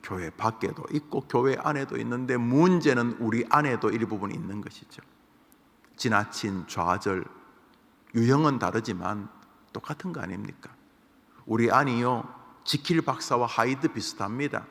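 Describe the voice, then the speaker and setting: A male pastor with a gravelly voice delivers a morning devotional sermon in a church. He asks his listeners rhetorical questions, and a long hall reverb trails his words. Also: medium pitch, moderate pace, fairly bright tone.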